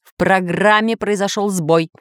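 A woman's voice: medium pitch, fairly even intonation, unhurried, fairly bright tone, no echo, studio quality, natural voice. Woman doing a cold, clipped computer. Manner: clipped, military-crisp. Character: cold, crisp male computer voice.

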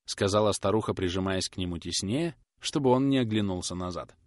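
A man reading a classic novel aloud as an expressive audiobook narrator. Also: low-pitched, fairly quick, no room sound, studio quality.

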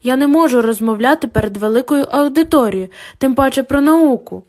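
A nervous young woman, a graduate student in an audiobook, pleading in a quick, fretful way, as a woman reader puts her on. Her voice sits a little high. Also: animated, a little mellow. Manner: anxious, pleading. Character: panicky young female grad student.

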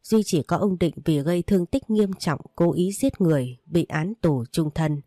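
Low mellow woman reading a story. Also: moderate pace, no room sound, studio quality. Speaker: narrator.

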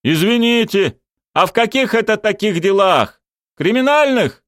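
A man's voice: high-pitched, expressive, a little slow, dry recording, studio quality, voice pushed up. A man doing a fussy pompous police sergeant. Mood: officious. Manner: wordy, officious, pompous.

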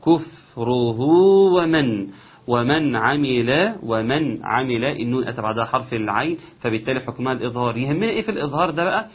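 A man with an Egyptian accent teaching Quran recitation, explaining each rule step by step and slowly chanting example verses. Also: mid-range voice, animated, slightly rough. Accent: Egyptian Arabic. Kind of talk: recitation lesson. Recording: dull lo-fi sound.

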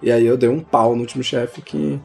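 A man's voice: mid-range voice, fairly even intonation, brisk, gravelly, a little mellow. A young man with a Brazilian Portuguese accent, chatting casually and telling stories about video games in slangy, informal speech. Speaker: gaming podcast host. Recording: music playing behind the voice. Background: background music.

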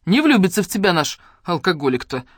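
A reader voicing a rude, scolding old village woman who shouts coarse, bossy lines at a young woman. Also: medium pitch, big pitch swings, normal speed, no echo, clean studio sound, voice pushed up.

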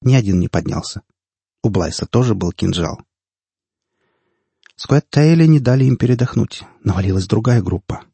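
A man reading fantasy audiobook narration in a measured, steady way. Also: lowish voice, vocal fry, breathy edge, no echo. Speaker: audiobook reader.

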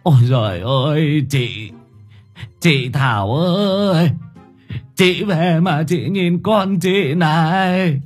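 A wailing old village uncle, quavering and theatrical in his grievance, put on by a male narrator. His voice climbs higher than a plain speaking voice and sounds husky, over faint music. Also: animated, takes it slowly, full character voice.

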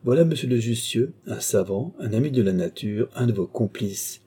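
A man's voice: medium pitch, expressive, moderate pace, mellow, slightly rough, pitched above the performer's own voice. A man voicing a suspicious, acrimonious philosopher in a storybook reading. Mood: bitter. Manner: sour, acrimonious. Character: bitter, suspicious aging philosopher.

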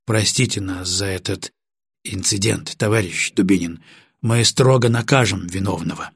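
A man voicing a tense, commanding male counterintelligence lieutenant in an audiobook, with a husky voice. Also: low voice, normal speed, no room sound, studio quality, heavily acted. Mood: apologetic. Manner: sharp commands, then polite apologies.

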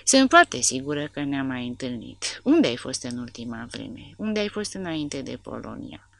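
Woman reader doing a seductive woman spy, coaxing and flirtatious, low gravelly voice. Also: sing-song, full character voice.

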